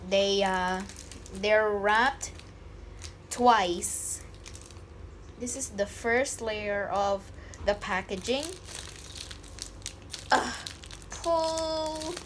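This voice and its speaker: A woman vlogger with a medium-pitched, fairly bright voice unboxes candy indoors at a table, filming with a phone camera held above it. She draws out words, pauses often, and plays around with mock-scared squeals and jokes over slight background noise.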